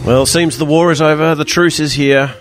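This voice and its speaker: Croaky Australian male radio host. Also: a little high, fairly even intonation, brisk, loud music behind the voice. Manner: chatty, loose, jokey banter. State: croaky, hoarse voice. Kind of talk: casual panel-show presenting.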